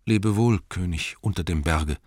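A man's voice: normal speed, a little mellow, dry recording, clean studio sound. Bilbo, a man doing a shaky-voiced hobbit. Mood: sad. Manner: shaky, higher put-on voice. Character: small weary male hobbit, nervous and plucky.

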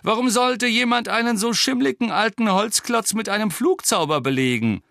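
A man's voice: high-pitched, lively intonation, moderate pace, vocal fry, sharp tone, dry recording, studio quality, voice pushed up, heavily acted. A man voicing an arrogant teenage boy who mocks his rivals in a scornful tone. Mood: mocking. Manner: mocking, scornful.

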